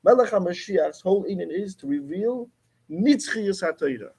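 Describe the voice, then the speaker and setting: A man's voice: high-pitched, animated, moderate pace, a little mellow, slightly rough. A man teaching a class, explaining emphatically and repeating his key points. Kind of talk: Torah class lecture.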